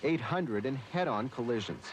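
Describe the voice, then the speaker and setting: A man narrating a TV news segment in a crisp, measured reporter style, heard from a worn tape copy. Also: medium pitch, expressive, a little hiss or hum, poor audio.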